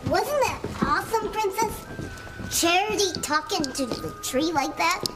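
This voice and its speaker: A woman's voice: very high-pitched, expressive, measured pace. A performer voicing a small living boy doll, a cheeky, eager talking-doll sidekick in a soap opera. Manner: speaks of himself in the third person. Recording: music under the dialogue.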